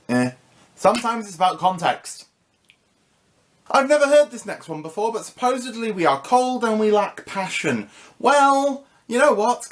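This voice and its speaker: A man's voice: a little high, a bit bright. A British man vlogging casually to camera, with a cheeky, sarcastic, ranting manner. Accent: British English. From Britain.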